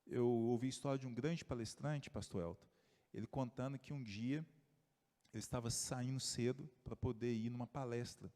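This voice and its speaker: A man preaching a sermon as pastor, telling stories and dropping his voice low and soft for the people he quotes. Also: moderate pace. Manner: storytelling, voice drops low and soft for quoted figures. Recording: long church reverb.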